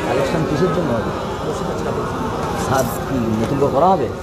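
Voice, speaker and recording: A hoarse male preacher giving a sermon, telling stories and breaking into melodic chant. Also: medium pitch, lively intonation, moderate pace, long reverb tail, a loud crowd, heavy background noise. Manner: storytelling, voices quoted people, breaks into melodic chant. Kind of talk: Islamic sermon with chanted Arabic. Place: stage at a large religious gathering.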